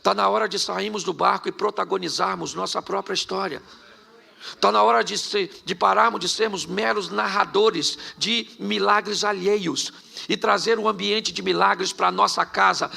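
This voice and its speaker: Preacher, man, high and very gravelly voice; joking storyteller who breaks into loud bursts. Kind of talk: humorous sermon.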